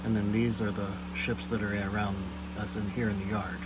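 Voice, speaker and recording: Squeezed into the tight interior of a boat sitting in a yard, a man vlogs a how-to explanation to camera, casual and matter-of-fact. His lowish voice moves briskly with little pitch variation, and the audio is very noisy.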